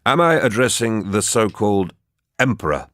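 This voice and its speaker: A man voicing a calm, firm adult male warrior in a read-aloud story, speaking in a measured way. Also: fairly low pitch, no echo, studio quality, voice pushed up. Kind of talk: audiobook character reading.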